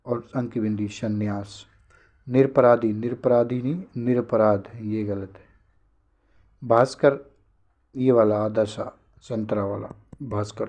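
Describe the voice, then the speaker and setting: A man teaching a spelling lesson for an exam, briskly repeating each word to correct it. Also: mid-range voice, darkish tone.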